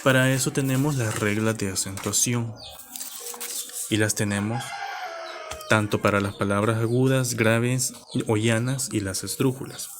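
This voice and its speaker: A man explains a lesson in a low, steady voice. He goes step by step and often stops to ask if his listeners are following. Birds and a rooster are clearly heard in the background. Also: slight background noise. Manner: patient, checks in with "¿ok?" and "¿ya?". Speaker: teacher.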